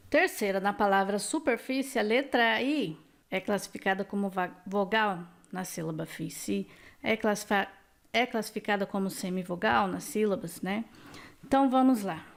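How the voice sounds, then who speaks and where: A woman's voice: mid-range voice, gravelly. A woman teacher working through exam questions step by step, checking each answer with the viewer and often asking "né?". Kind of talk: exam-prep lesson.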